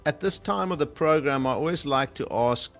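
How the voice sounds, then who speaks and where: A man's voice: fairly high pitch, moderate pace, a bit bright, soft background music. A man hosting a travel interview, asking questions in a friendly, chatty way. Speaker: podcast host.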